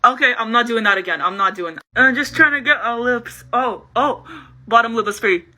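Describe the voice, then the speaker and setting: A woman makeup vlogger chatting casually and playfully, with excited exclamations. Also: a little high, brisk. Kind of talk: casual chat.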